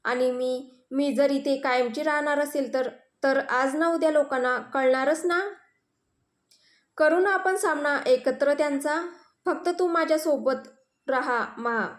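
A woman's voice: sits high, unhurried, reverberant. A woman voicing a young daughter who sobs and begs her mother, stumbling over her words. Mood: tearful pleading. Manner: sobbing, begging, broken restarts. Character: young woman Virja, pleading, tearful.

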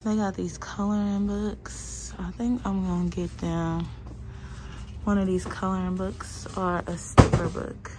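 A woman in her thirties, medium-pitched with fairly even intonation and a slightly slow pace, vlogs a shopping trip on a handheld phone. She mutters half to herself while browsing a large store, with loud store ambience, crinkling packages and background noise all around.

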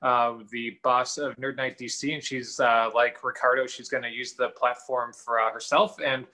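A man's voice: mid-range voice, flat delivery, moderate pace, sharp tone, low-quality recording. A man hosting an online talk night over a video call, upbeat and chatty with lots of fillers. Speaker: host. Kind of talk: hosting a virtual talk show.

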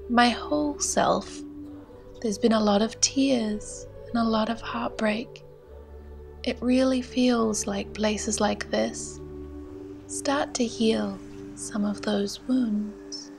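A woman from Canada speaks slowly and softly over her travel footage, her fairly high voice dropping at times to a near whisper. Music plays quietly beneath her calm, unhurried reading. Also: creaky. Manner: slow, gentle and hushed, at times whispered. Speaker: vlogger. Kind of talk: soft-spoken voice-over narration and poetry reading.

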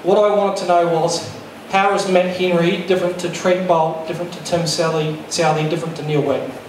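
A middle-aged man speaks as a fast bowling coach, candid and brisk, with a wry, self-deprecating edge. His voice sits a touch high and comes through a handheld microphone. The lecture room adds heavy echo and a faint background hiss. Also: level tone. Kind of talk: workshop presentation. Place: large lecture room with projector. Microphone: handheld mic. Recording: echoey room, distant sound, faint noise.

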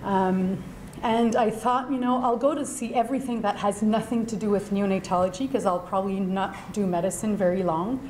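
A woman's voice: mid-range voice, fairly even intonation, brisk, a little mellow. Canadian woman, chatty conference talk, lots of ums, echoey room w/ a bit of hiss. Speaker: speaker, neonatologist. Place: conference hall.

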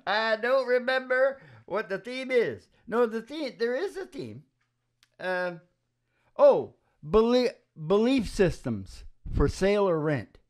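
This older man, host of a radio music program, has a high-pitched voice and takes his time, yet sounds very animated. His rambling banter is joking and wry, full of chuckles, delivered close to a stand microphone in a small, dimly lit room with a wood-panelled wall.

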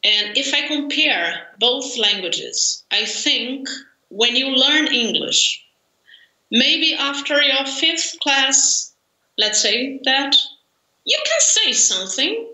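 On a video call from a room at home, a woman in her forties with a Brazilian Portuguese accent speaks slowly, often pausing with fillers and laughing easily. She's an interview guest and language learner in a conversational interview, her voice slightly high and very bright. The roomy webcam audio has an echo.

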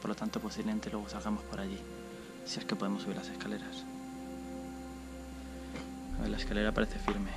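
A young man with a Spain Spanish accent, narrating as he carefully explores an abandoned building, often talking low and cautiously. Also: completely flat delivery, a little fast, gravelly, long pauses, over loud music. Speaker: urban explorer vlogger. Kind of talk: casual vlog narration. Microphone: action camera.

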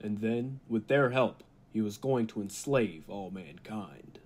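A lowish, expressive male voice, unhurried, brings to life an eager and unflinching lab scientist in an old-time radio play. He explains things with dramatic confidence, and the mood is earnest and ominous.

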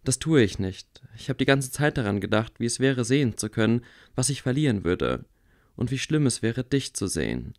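A man reading aloud, voicing a calm, wry blind boy wizard who speaks quietly. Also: mid-range voice, moderate pace. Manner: quiet, level.

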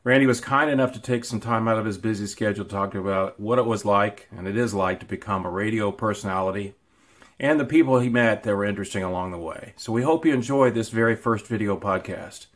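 A man's voice: fairly low pitch, fast. A man giving an upbeat scripted introduction to his podcast as co-host. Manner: upbeat, promotional.

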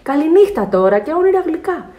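Woman doing a gentle, tired storybook dad, soft and soothing. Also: sits high, very animated, voice pushed up. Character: kind, patient, tired father.

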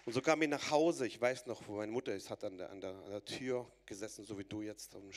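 A man's voice: on the low side, brisk, a little hiss or hum. A man in his thirties from Germany, giving an earnest, urgent personal faith testimony to a church audience, repeating phrases and restarting words.

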